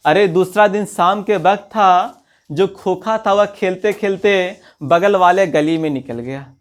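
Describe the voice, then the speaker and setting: A man teaching a story lesson at an unhurried pace. He reads a line from the textbook, then retells it in local speech. He keeps asking who said what and answers his own questions. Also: high-pitched. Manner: reads a passage, then retells it in local dialect and quizzes the listener. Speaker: Hindi teacher.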